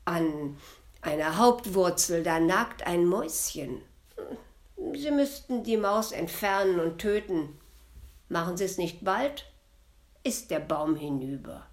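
A woman playing a gruff, barking devil. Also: on the low side, expressive, slow. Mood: grumbling. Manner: loud barking outbursts. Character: gruff male devil, grumpy and sleepy.

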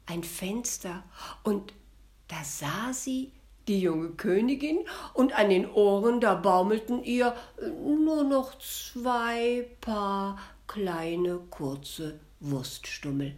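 Slow, hushed woman storyteller. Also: mid-range voice, lively intonation. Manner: gentle, often dropping to a hush. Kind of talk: fairy tale storytelling.

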